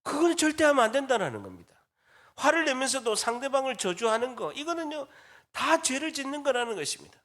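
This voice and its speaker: A man's voice: extremely high pitch, sing-song, fast, fairly bright tone. A male pastor preaching a sermon, often addressing the congregation directly and asking them questions, with call-and-response repetitions. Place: church sanctuary.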